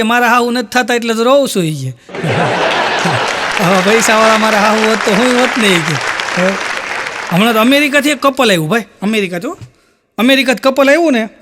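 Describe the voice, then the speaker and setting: A man's voice: very high voice, pushed and bright. A man telling folk jokes, rambling through stories and acting out each quoted voice. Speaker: stand-up comedian. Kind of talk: Gujarati folk comedy storytelling.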